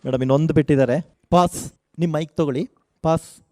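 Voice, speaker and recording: A man hosting a college quiz show on the radio, energetically urging contestants and reading questions slowly and with emphasis. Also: fairly high pitch, steady tone, a little mellow, no echo, clean studio sound. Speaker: quizmaster.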